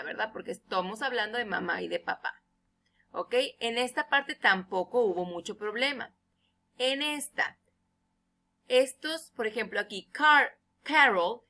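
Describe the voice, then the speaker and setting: Slow, bright-voiced woman teacher. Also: fairly high pitch, gravelly. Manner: explains patiently in Spanish, reads English examples slowly and loudly. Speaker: English teacher. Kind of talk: recorded feedback lesson.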